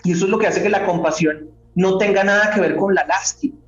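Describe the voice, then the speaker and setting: A man, a philosophy doctoral student, explaining ideas at length as an interview guest in a measured way, often asking rhetorical questions. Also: high-pitched, faint music behind. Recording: roomy, dull sound.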